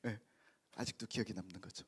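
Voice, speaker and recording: A man's voice: low-pitched, steady tone, quick pace, fairly bright tone, slightly rough. A middle-aged man preaching a sermon in church, telling stories about his family and congregation and acting out their voices. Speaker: pastor. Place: church sanctuary.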